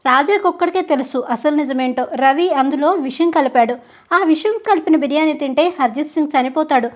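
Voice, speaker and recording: A woman narrating a story in a plain, steady storytelling manner. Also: high voice, brisk.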